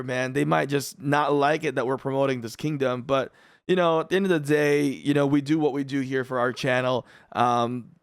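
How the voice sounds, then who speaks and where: A Filipino gaming YouTuber from the Philippines, whose first language is Filipino, hosts his channel with chatty, rambling, laid-back commentary on a strategy game. His voice is medium-pitched, recorded at studio quality on a studio mic in a dry room with no room sound.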